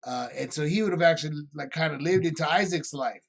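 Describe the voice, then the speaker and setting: A man's voice: fairly high pitch, fast, gravelly. Man teaching a casual Bible study. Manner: loose, rambling retelling with many asides.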